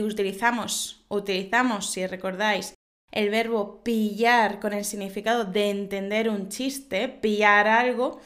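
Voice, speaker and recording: Lady teacher doing a podcast, telling corny jokes, keeps cracking up at herself. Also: a bit bright. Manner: giggly, laughs at her own jokes; acts out joke voices with big pitch jumps. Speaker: Spanish teacher and podcast host.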